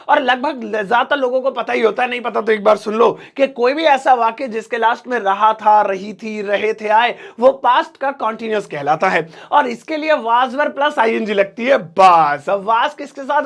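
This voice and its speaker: A man with a high, gravelly voice teaches English sentence patterns in a loose, chatty way. He jokes between drills and slows right down to repeat each example. The sound is close and direct. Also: a bit bright. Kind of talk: casual Hindi English lesson.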